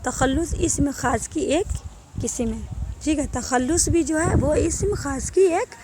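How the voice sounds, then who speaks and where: A woman's voice: sits high, noisy background. A young woman teaching an exam-prep grammar lesson, who keeps saying "ٹھیک ہے" and quizzes her listeners.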